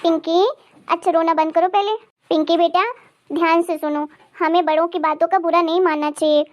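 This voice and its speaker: A woman voicing a patient young mother in an animated cartoon, speaking in a soothing, coaxing way. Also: extremely high pitch, normal speed, dull audio.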